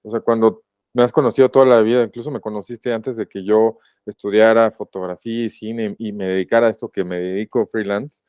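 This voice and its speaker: Low-voiced Mexican man, halting and reflective. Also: fairly even intonation, clean tone, dry recording, highs cut off. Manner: reflective, halting and emotional, often pausing to rephrase. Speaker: podcast guest. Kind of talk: personal testimony in a podcast interview.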